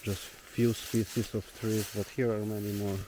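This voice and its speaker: A man's voice: on the low side, level tone, moderate pace. A young man from Slovenia with a Slovenian accent, casually vlogging and thinking aloud while hiking through a forest. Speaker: solo traveler vlogger. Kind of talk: casual walking vlog. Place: forest outdoors. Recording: noisy outdoor nature ambience.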